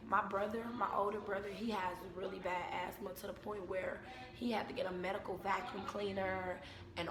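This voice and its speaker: A young American woman chatting casually to camera at home, telling stories in an informal, unhurried way. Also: medium pitch. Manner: informal, unhurried storytelling with repeated phrases. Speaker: vlogger and mother. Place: indoors at home. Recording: echoey room with background noise.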